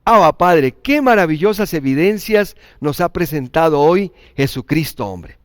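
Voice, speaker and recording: A man's voice: a little high, big pitch swings, measured pace. A man hosting a religious program, enthusiastically introducing and wrapping up the preacher's segments. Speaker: program host.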